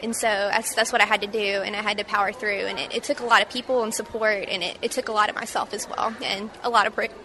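A woman in her twenties from Mississippi recounting a personal story in an interview, halting and reflective with many fillers. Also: medium pitch, flat delivery, a crowd in the background. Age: 20s. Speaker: interview guest.

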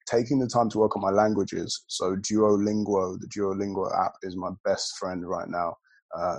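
A man's voice: low voice, breathy edge, no room sound. A young man chatting casually and jokily on a panel, with lots of filler ums. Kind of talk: casual podcast chat.

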